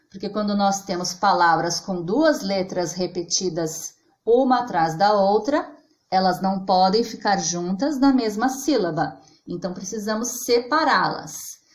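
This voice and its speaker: A woman with a Brazilian Portuguese accent teaches a children's lesson in a slow, patient way. Her pitch moves a lot as she leans into the stressed syllable of each example word. The room around her gives back a clear echo. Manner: patient, stretches and stresses example words aloud.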